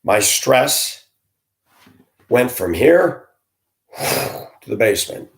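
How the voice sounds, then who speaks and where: A man's voice: mid-range voice, sing-song, very slow, gravelly. A man who used to drive a school bus, telling his own story in an earnest, heartfelt way while venting his frustrations. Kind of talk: candid personal storytelling.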